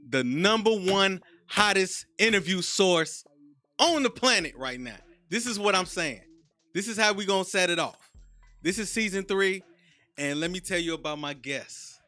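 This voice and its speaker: A man in his thirties hosting a podcast interview, laid-back and slangy, often trailing off into soft low mumbles. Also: expressive, moderate pace, no echo, faint music behind. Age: 30s. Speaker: podcast host. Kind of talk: casual interview chat.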